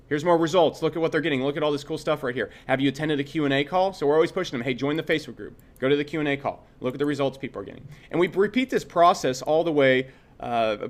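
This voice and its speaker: In a casual screen-share tutorial, a software instructor with a slightly high voice speaks bluntly and conversationally. He tends to repeat himself and check in with brief tags, and he's opinionated and swears freely.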